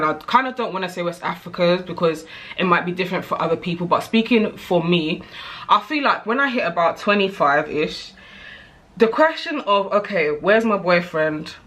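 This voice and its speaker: A woman's voice: on the low side, fairly bright tone. A British woman in her thirties chatting candidly to camera as a vlogger, rambling with frequent asides. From United Kingdom. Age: 30s. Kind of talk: casual chat to camera.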